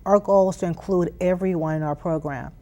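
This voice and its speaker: A woman from Philadelphia answers interview questions conversationally as the leader of a youth STEM program. Her voice is lowish, warm, and fairly even in intonation, moving fairly quickly as she speaks earnestly and emphatically, often repeating phrases for weight.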